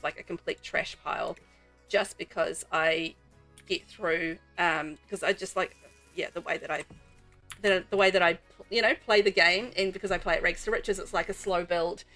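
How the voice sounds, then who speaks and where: Chatting casually while playing, a woman from New Zealand rambles to her stream viewers. She has a New Zealand accent and a lowish voice with a fairly bright tone.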